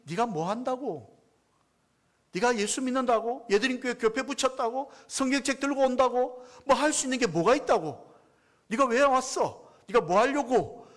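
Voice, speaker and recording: A man's voice: very high voice, moderate pace, pitched above the performer's own voice. A man voicing devilish powers that sneer at and belittle a believer. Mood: mocking. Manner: sneering, ridiculing.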